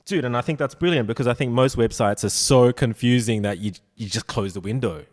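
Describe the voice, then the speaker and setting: A man in his forties hosting a casual podcast interview, asking rambling questions with halting restarts, fillers and casual swearing. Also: medium pitch. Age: 40s. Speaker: podcast host.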